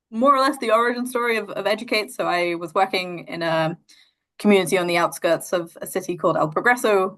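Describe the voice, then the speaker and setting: A woman's voice: lowish voice, a bit bright. A young woman from New Zealand with a New Zealand accent, founder of a charity, talking casually and thoughtfully in an interview, with many fillers and restarts. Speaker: NGO founder, interview guest.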